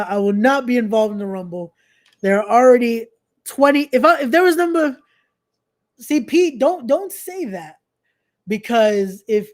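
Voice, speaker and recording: A young adult podcast host with a medium-pitched voice chats casually on a live stream. He or she promotes events and often repeats phrases, adding informal, slangy asides.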